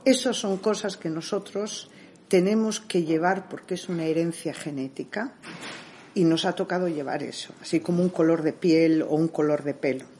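A middle-aged woman talks through a conversational interview and tells her stories with energy. She slips into other people's voices as she retells what they said, and her pitch swings widely throughout. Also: normal speed, slight background noise. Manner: animated storyteller who acts out dialogue. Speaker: interview guest.

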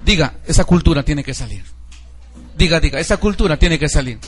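A man's voice: fairly high pitch, expressive, a little fast. A pastor preaching a sermon to his congregation, exhorting them and asking them to repeat phrases and underline verses.

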